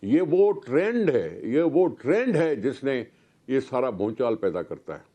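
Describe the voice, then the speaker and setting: A man's voice: medium pitch, very animated, a little slow. A man with a Pakistani Urdu accent, a political guest making a heated, argumentative case on a talk show. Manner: forceful, rhetorical questions.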